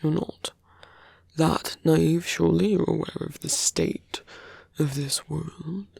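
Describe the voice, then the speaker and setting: In this intimate ASMR roleplay, a performer fully voices a suave male villain in a mid-range register. He talks very slowly and deliberately in a steady tone, his voice thick with gravel and breath and often sinking nearly to a whisper. The recording is dry and close with no room sound, and his delivery is teasing, persuasive, condescending and quietly menacing.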